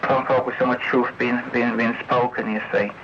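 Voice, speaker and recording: An angry English man on a CB radio rants at someone confrontationally, repeating himself and swearing often. His voice is medium-pitched with a flat delivery at normal speed, and the vintage transmission sounds noisy and muffled.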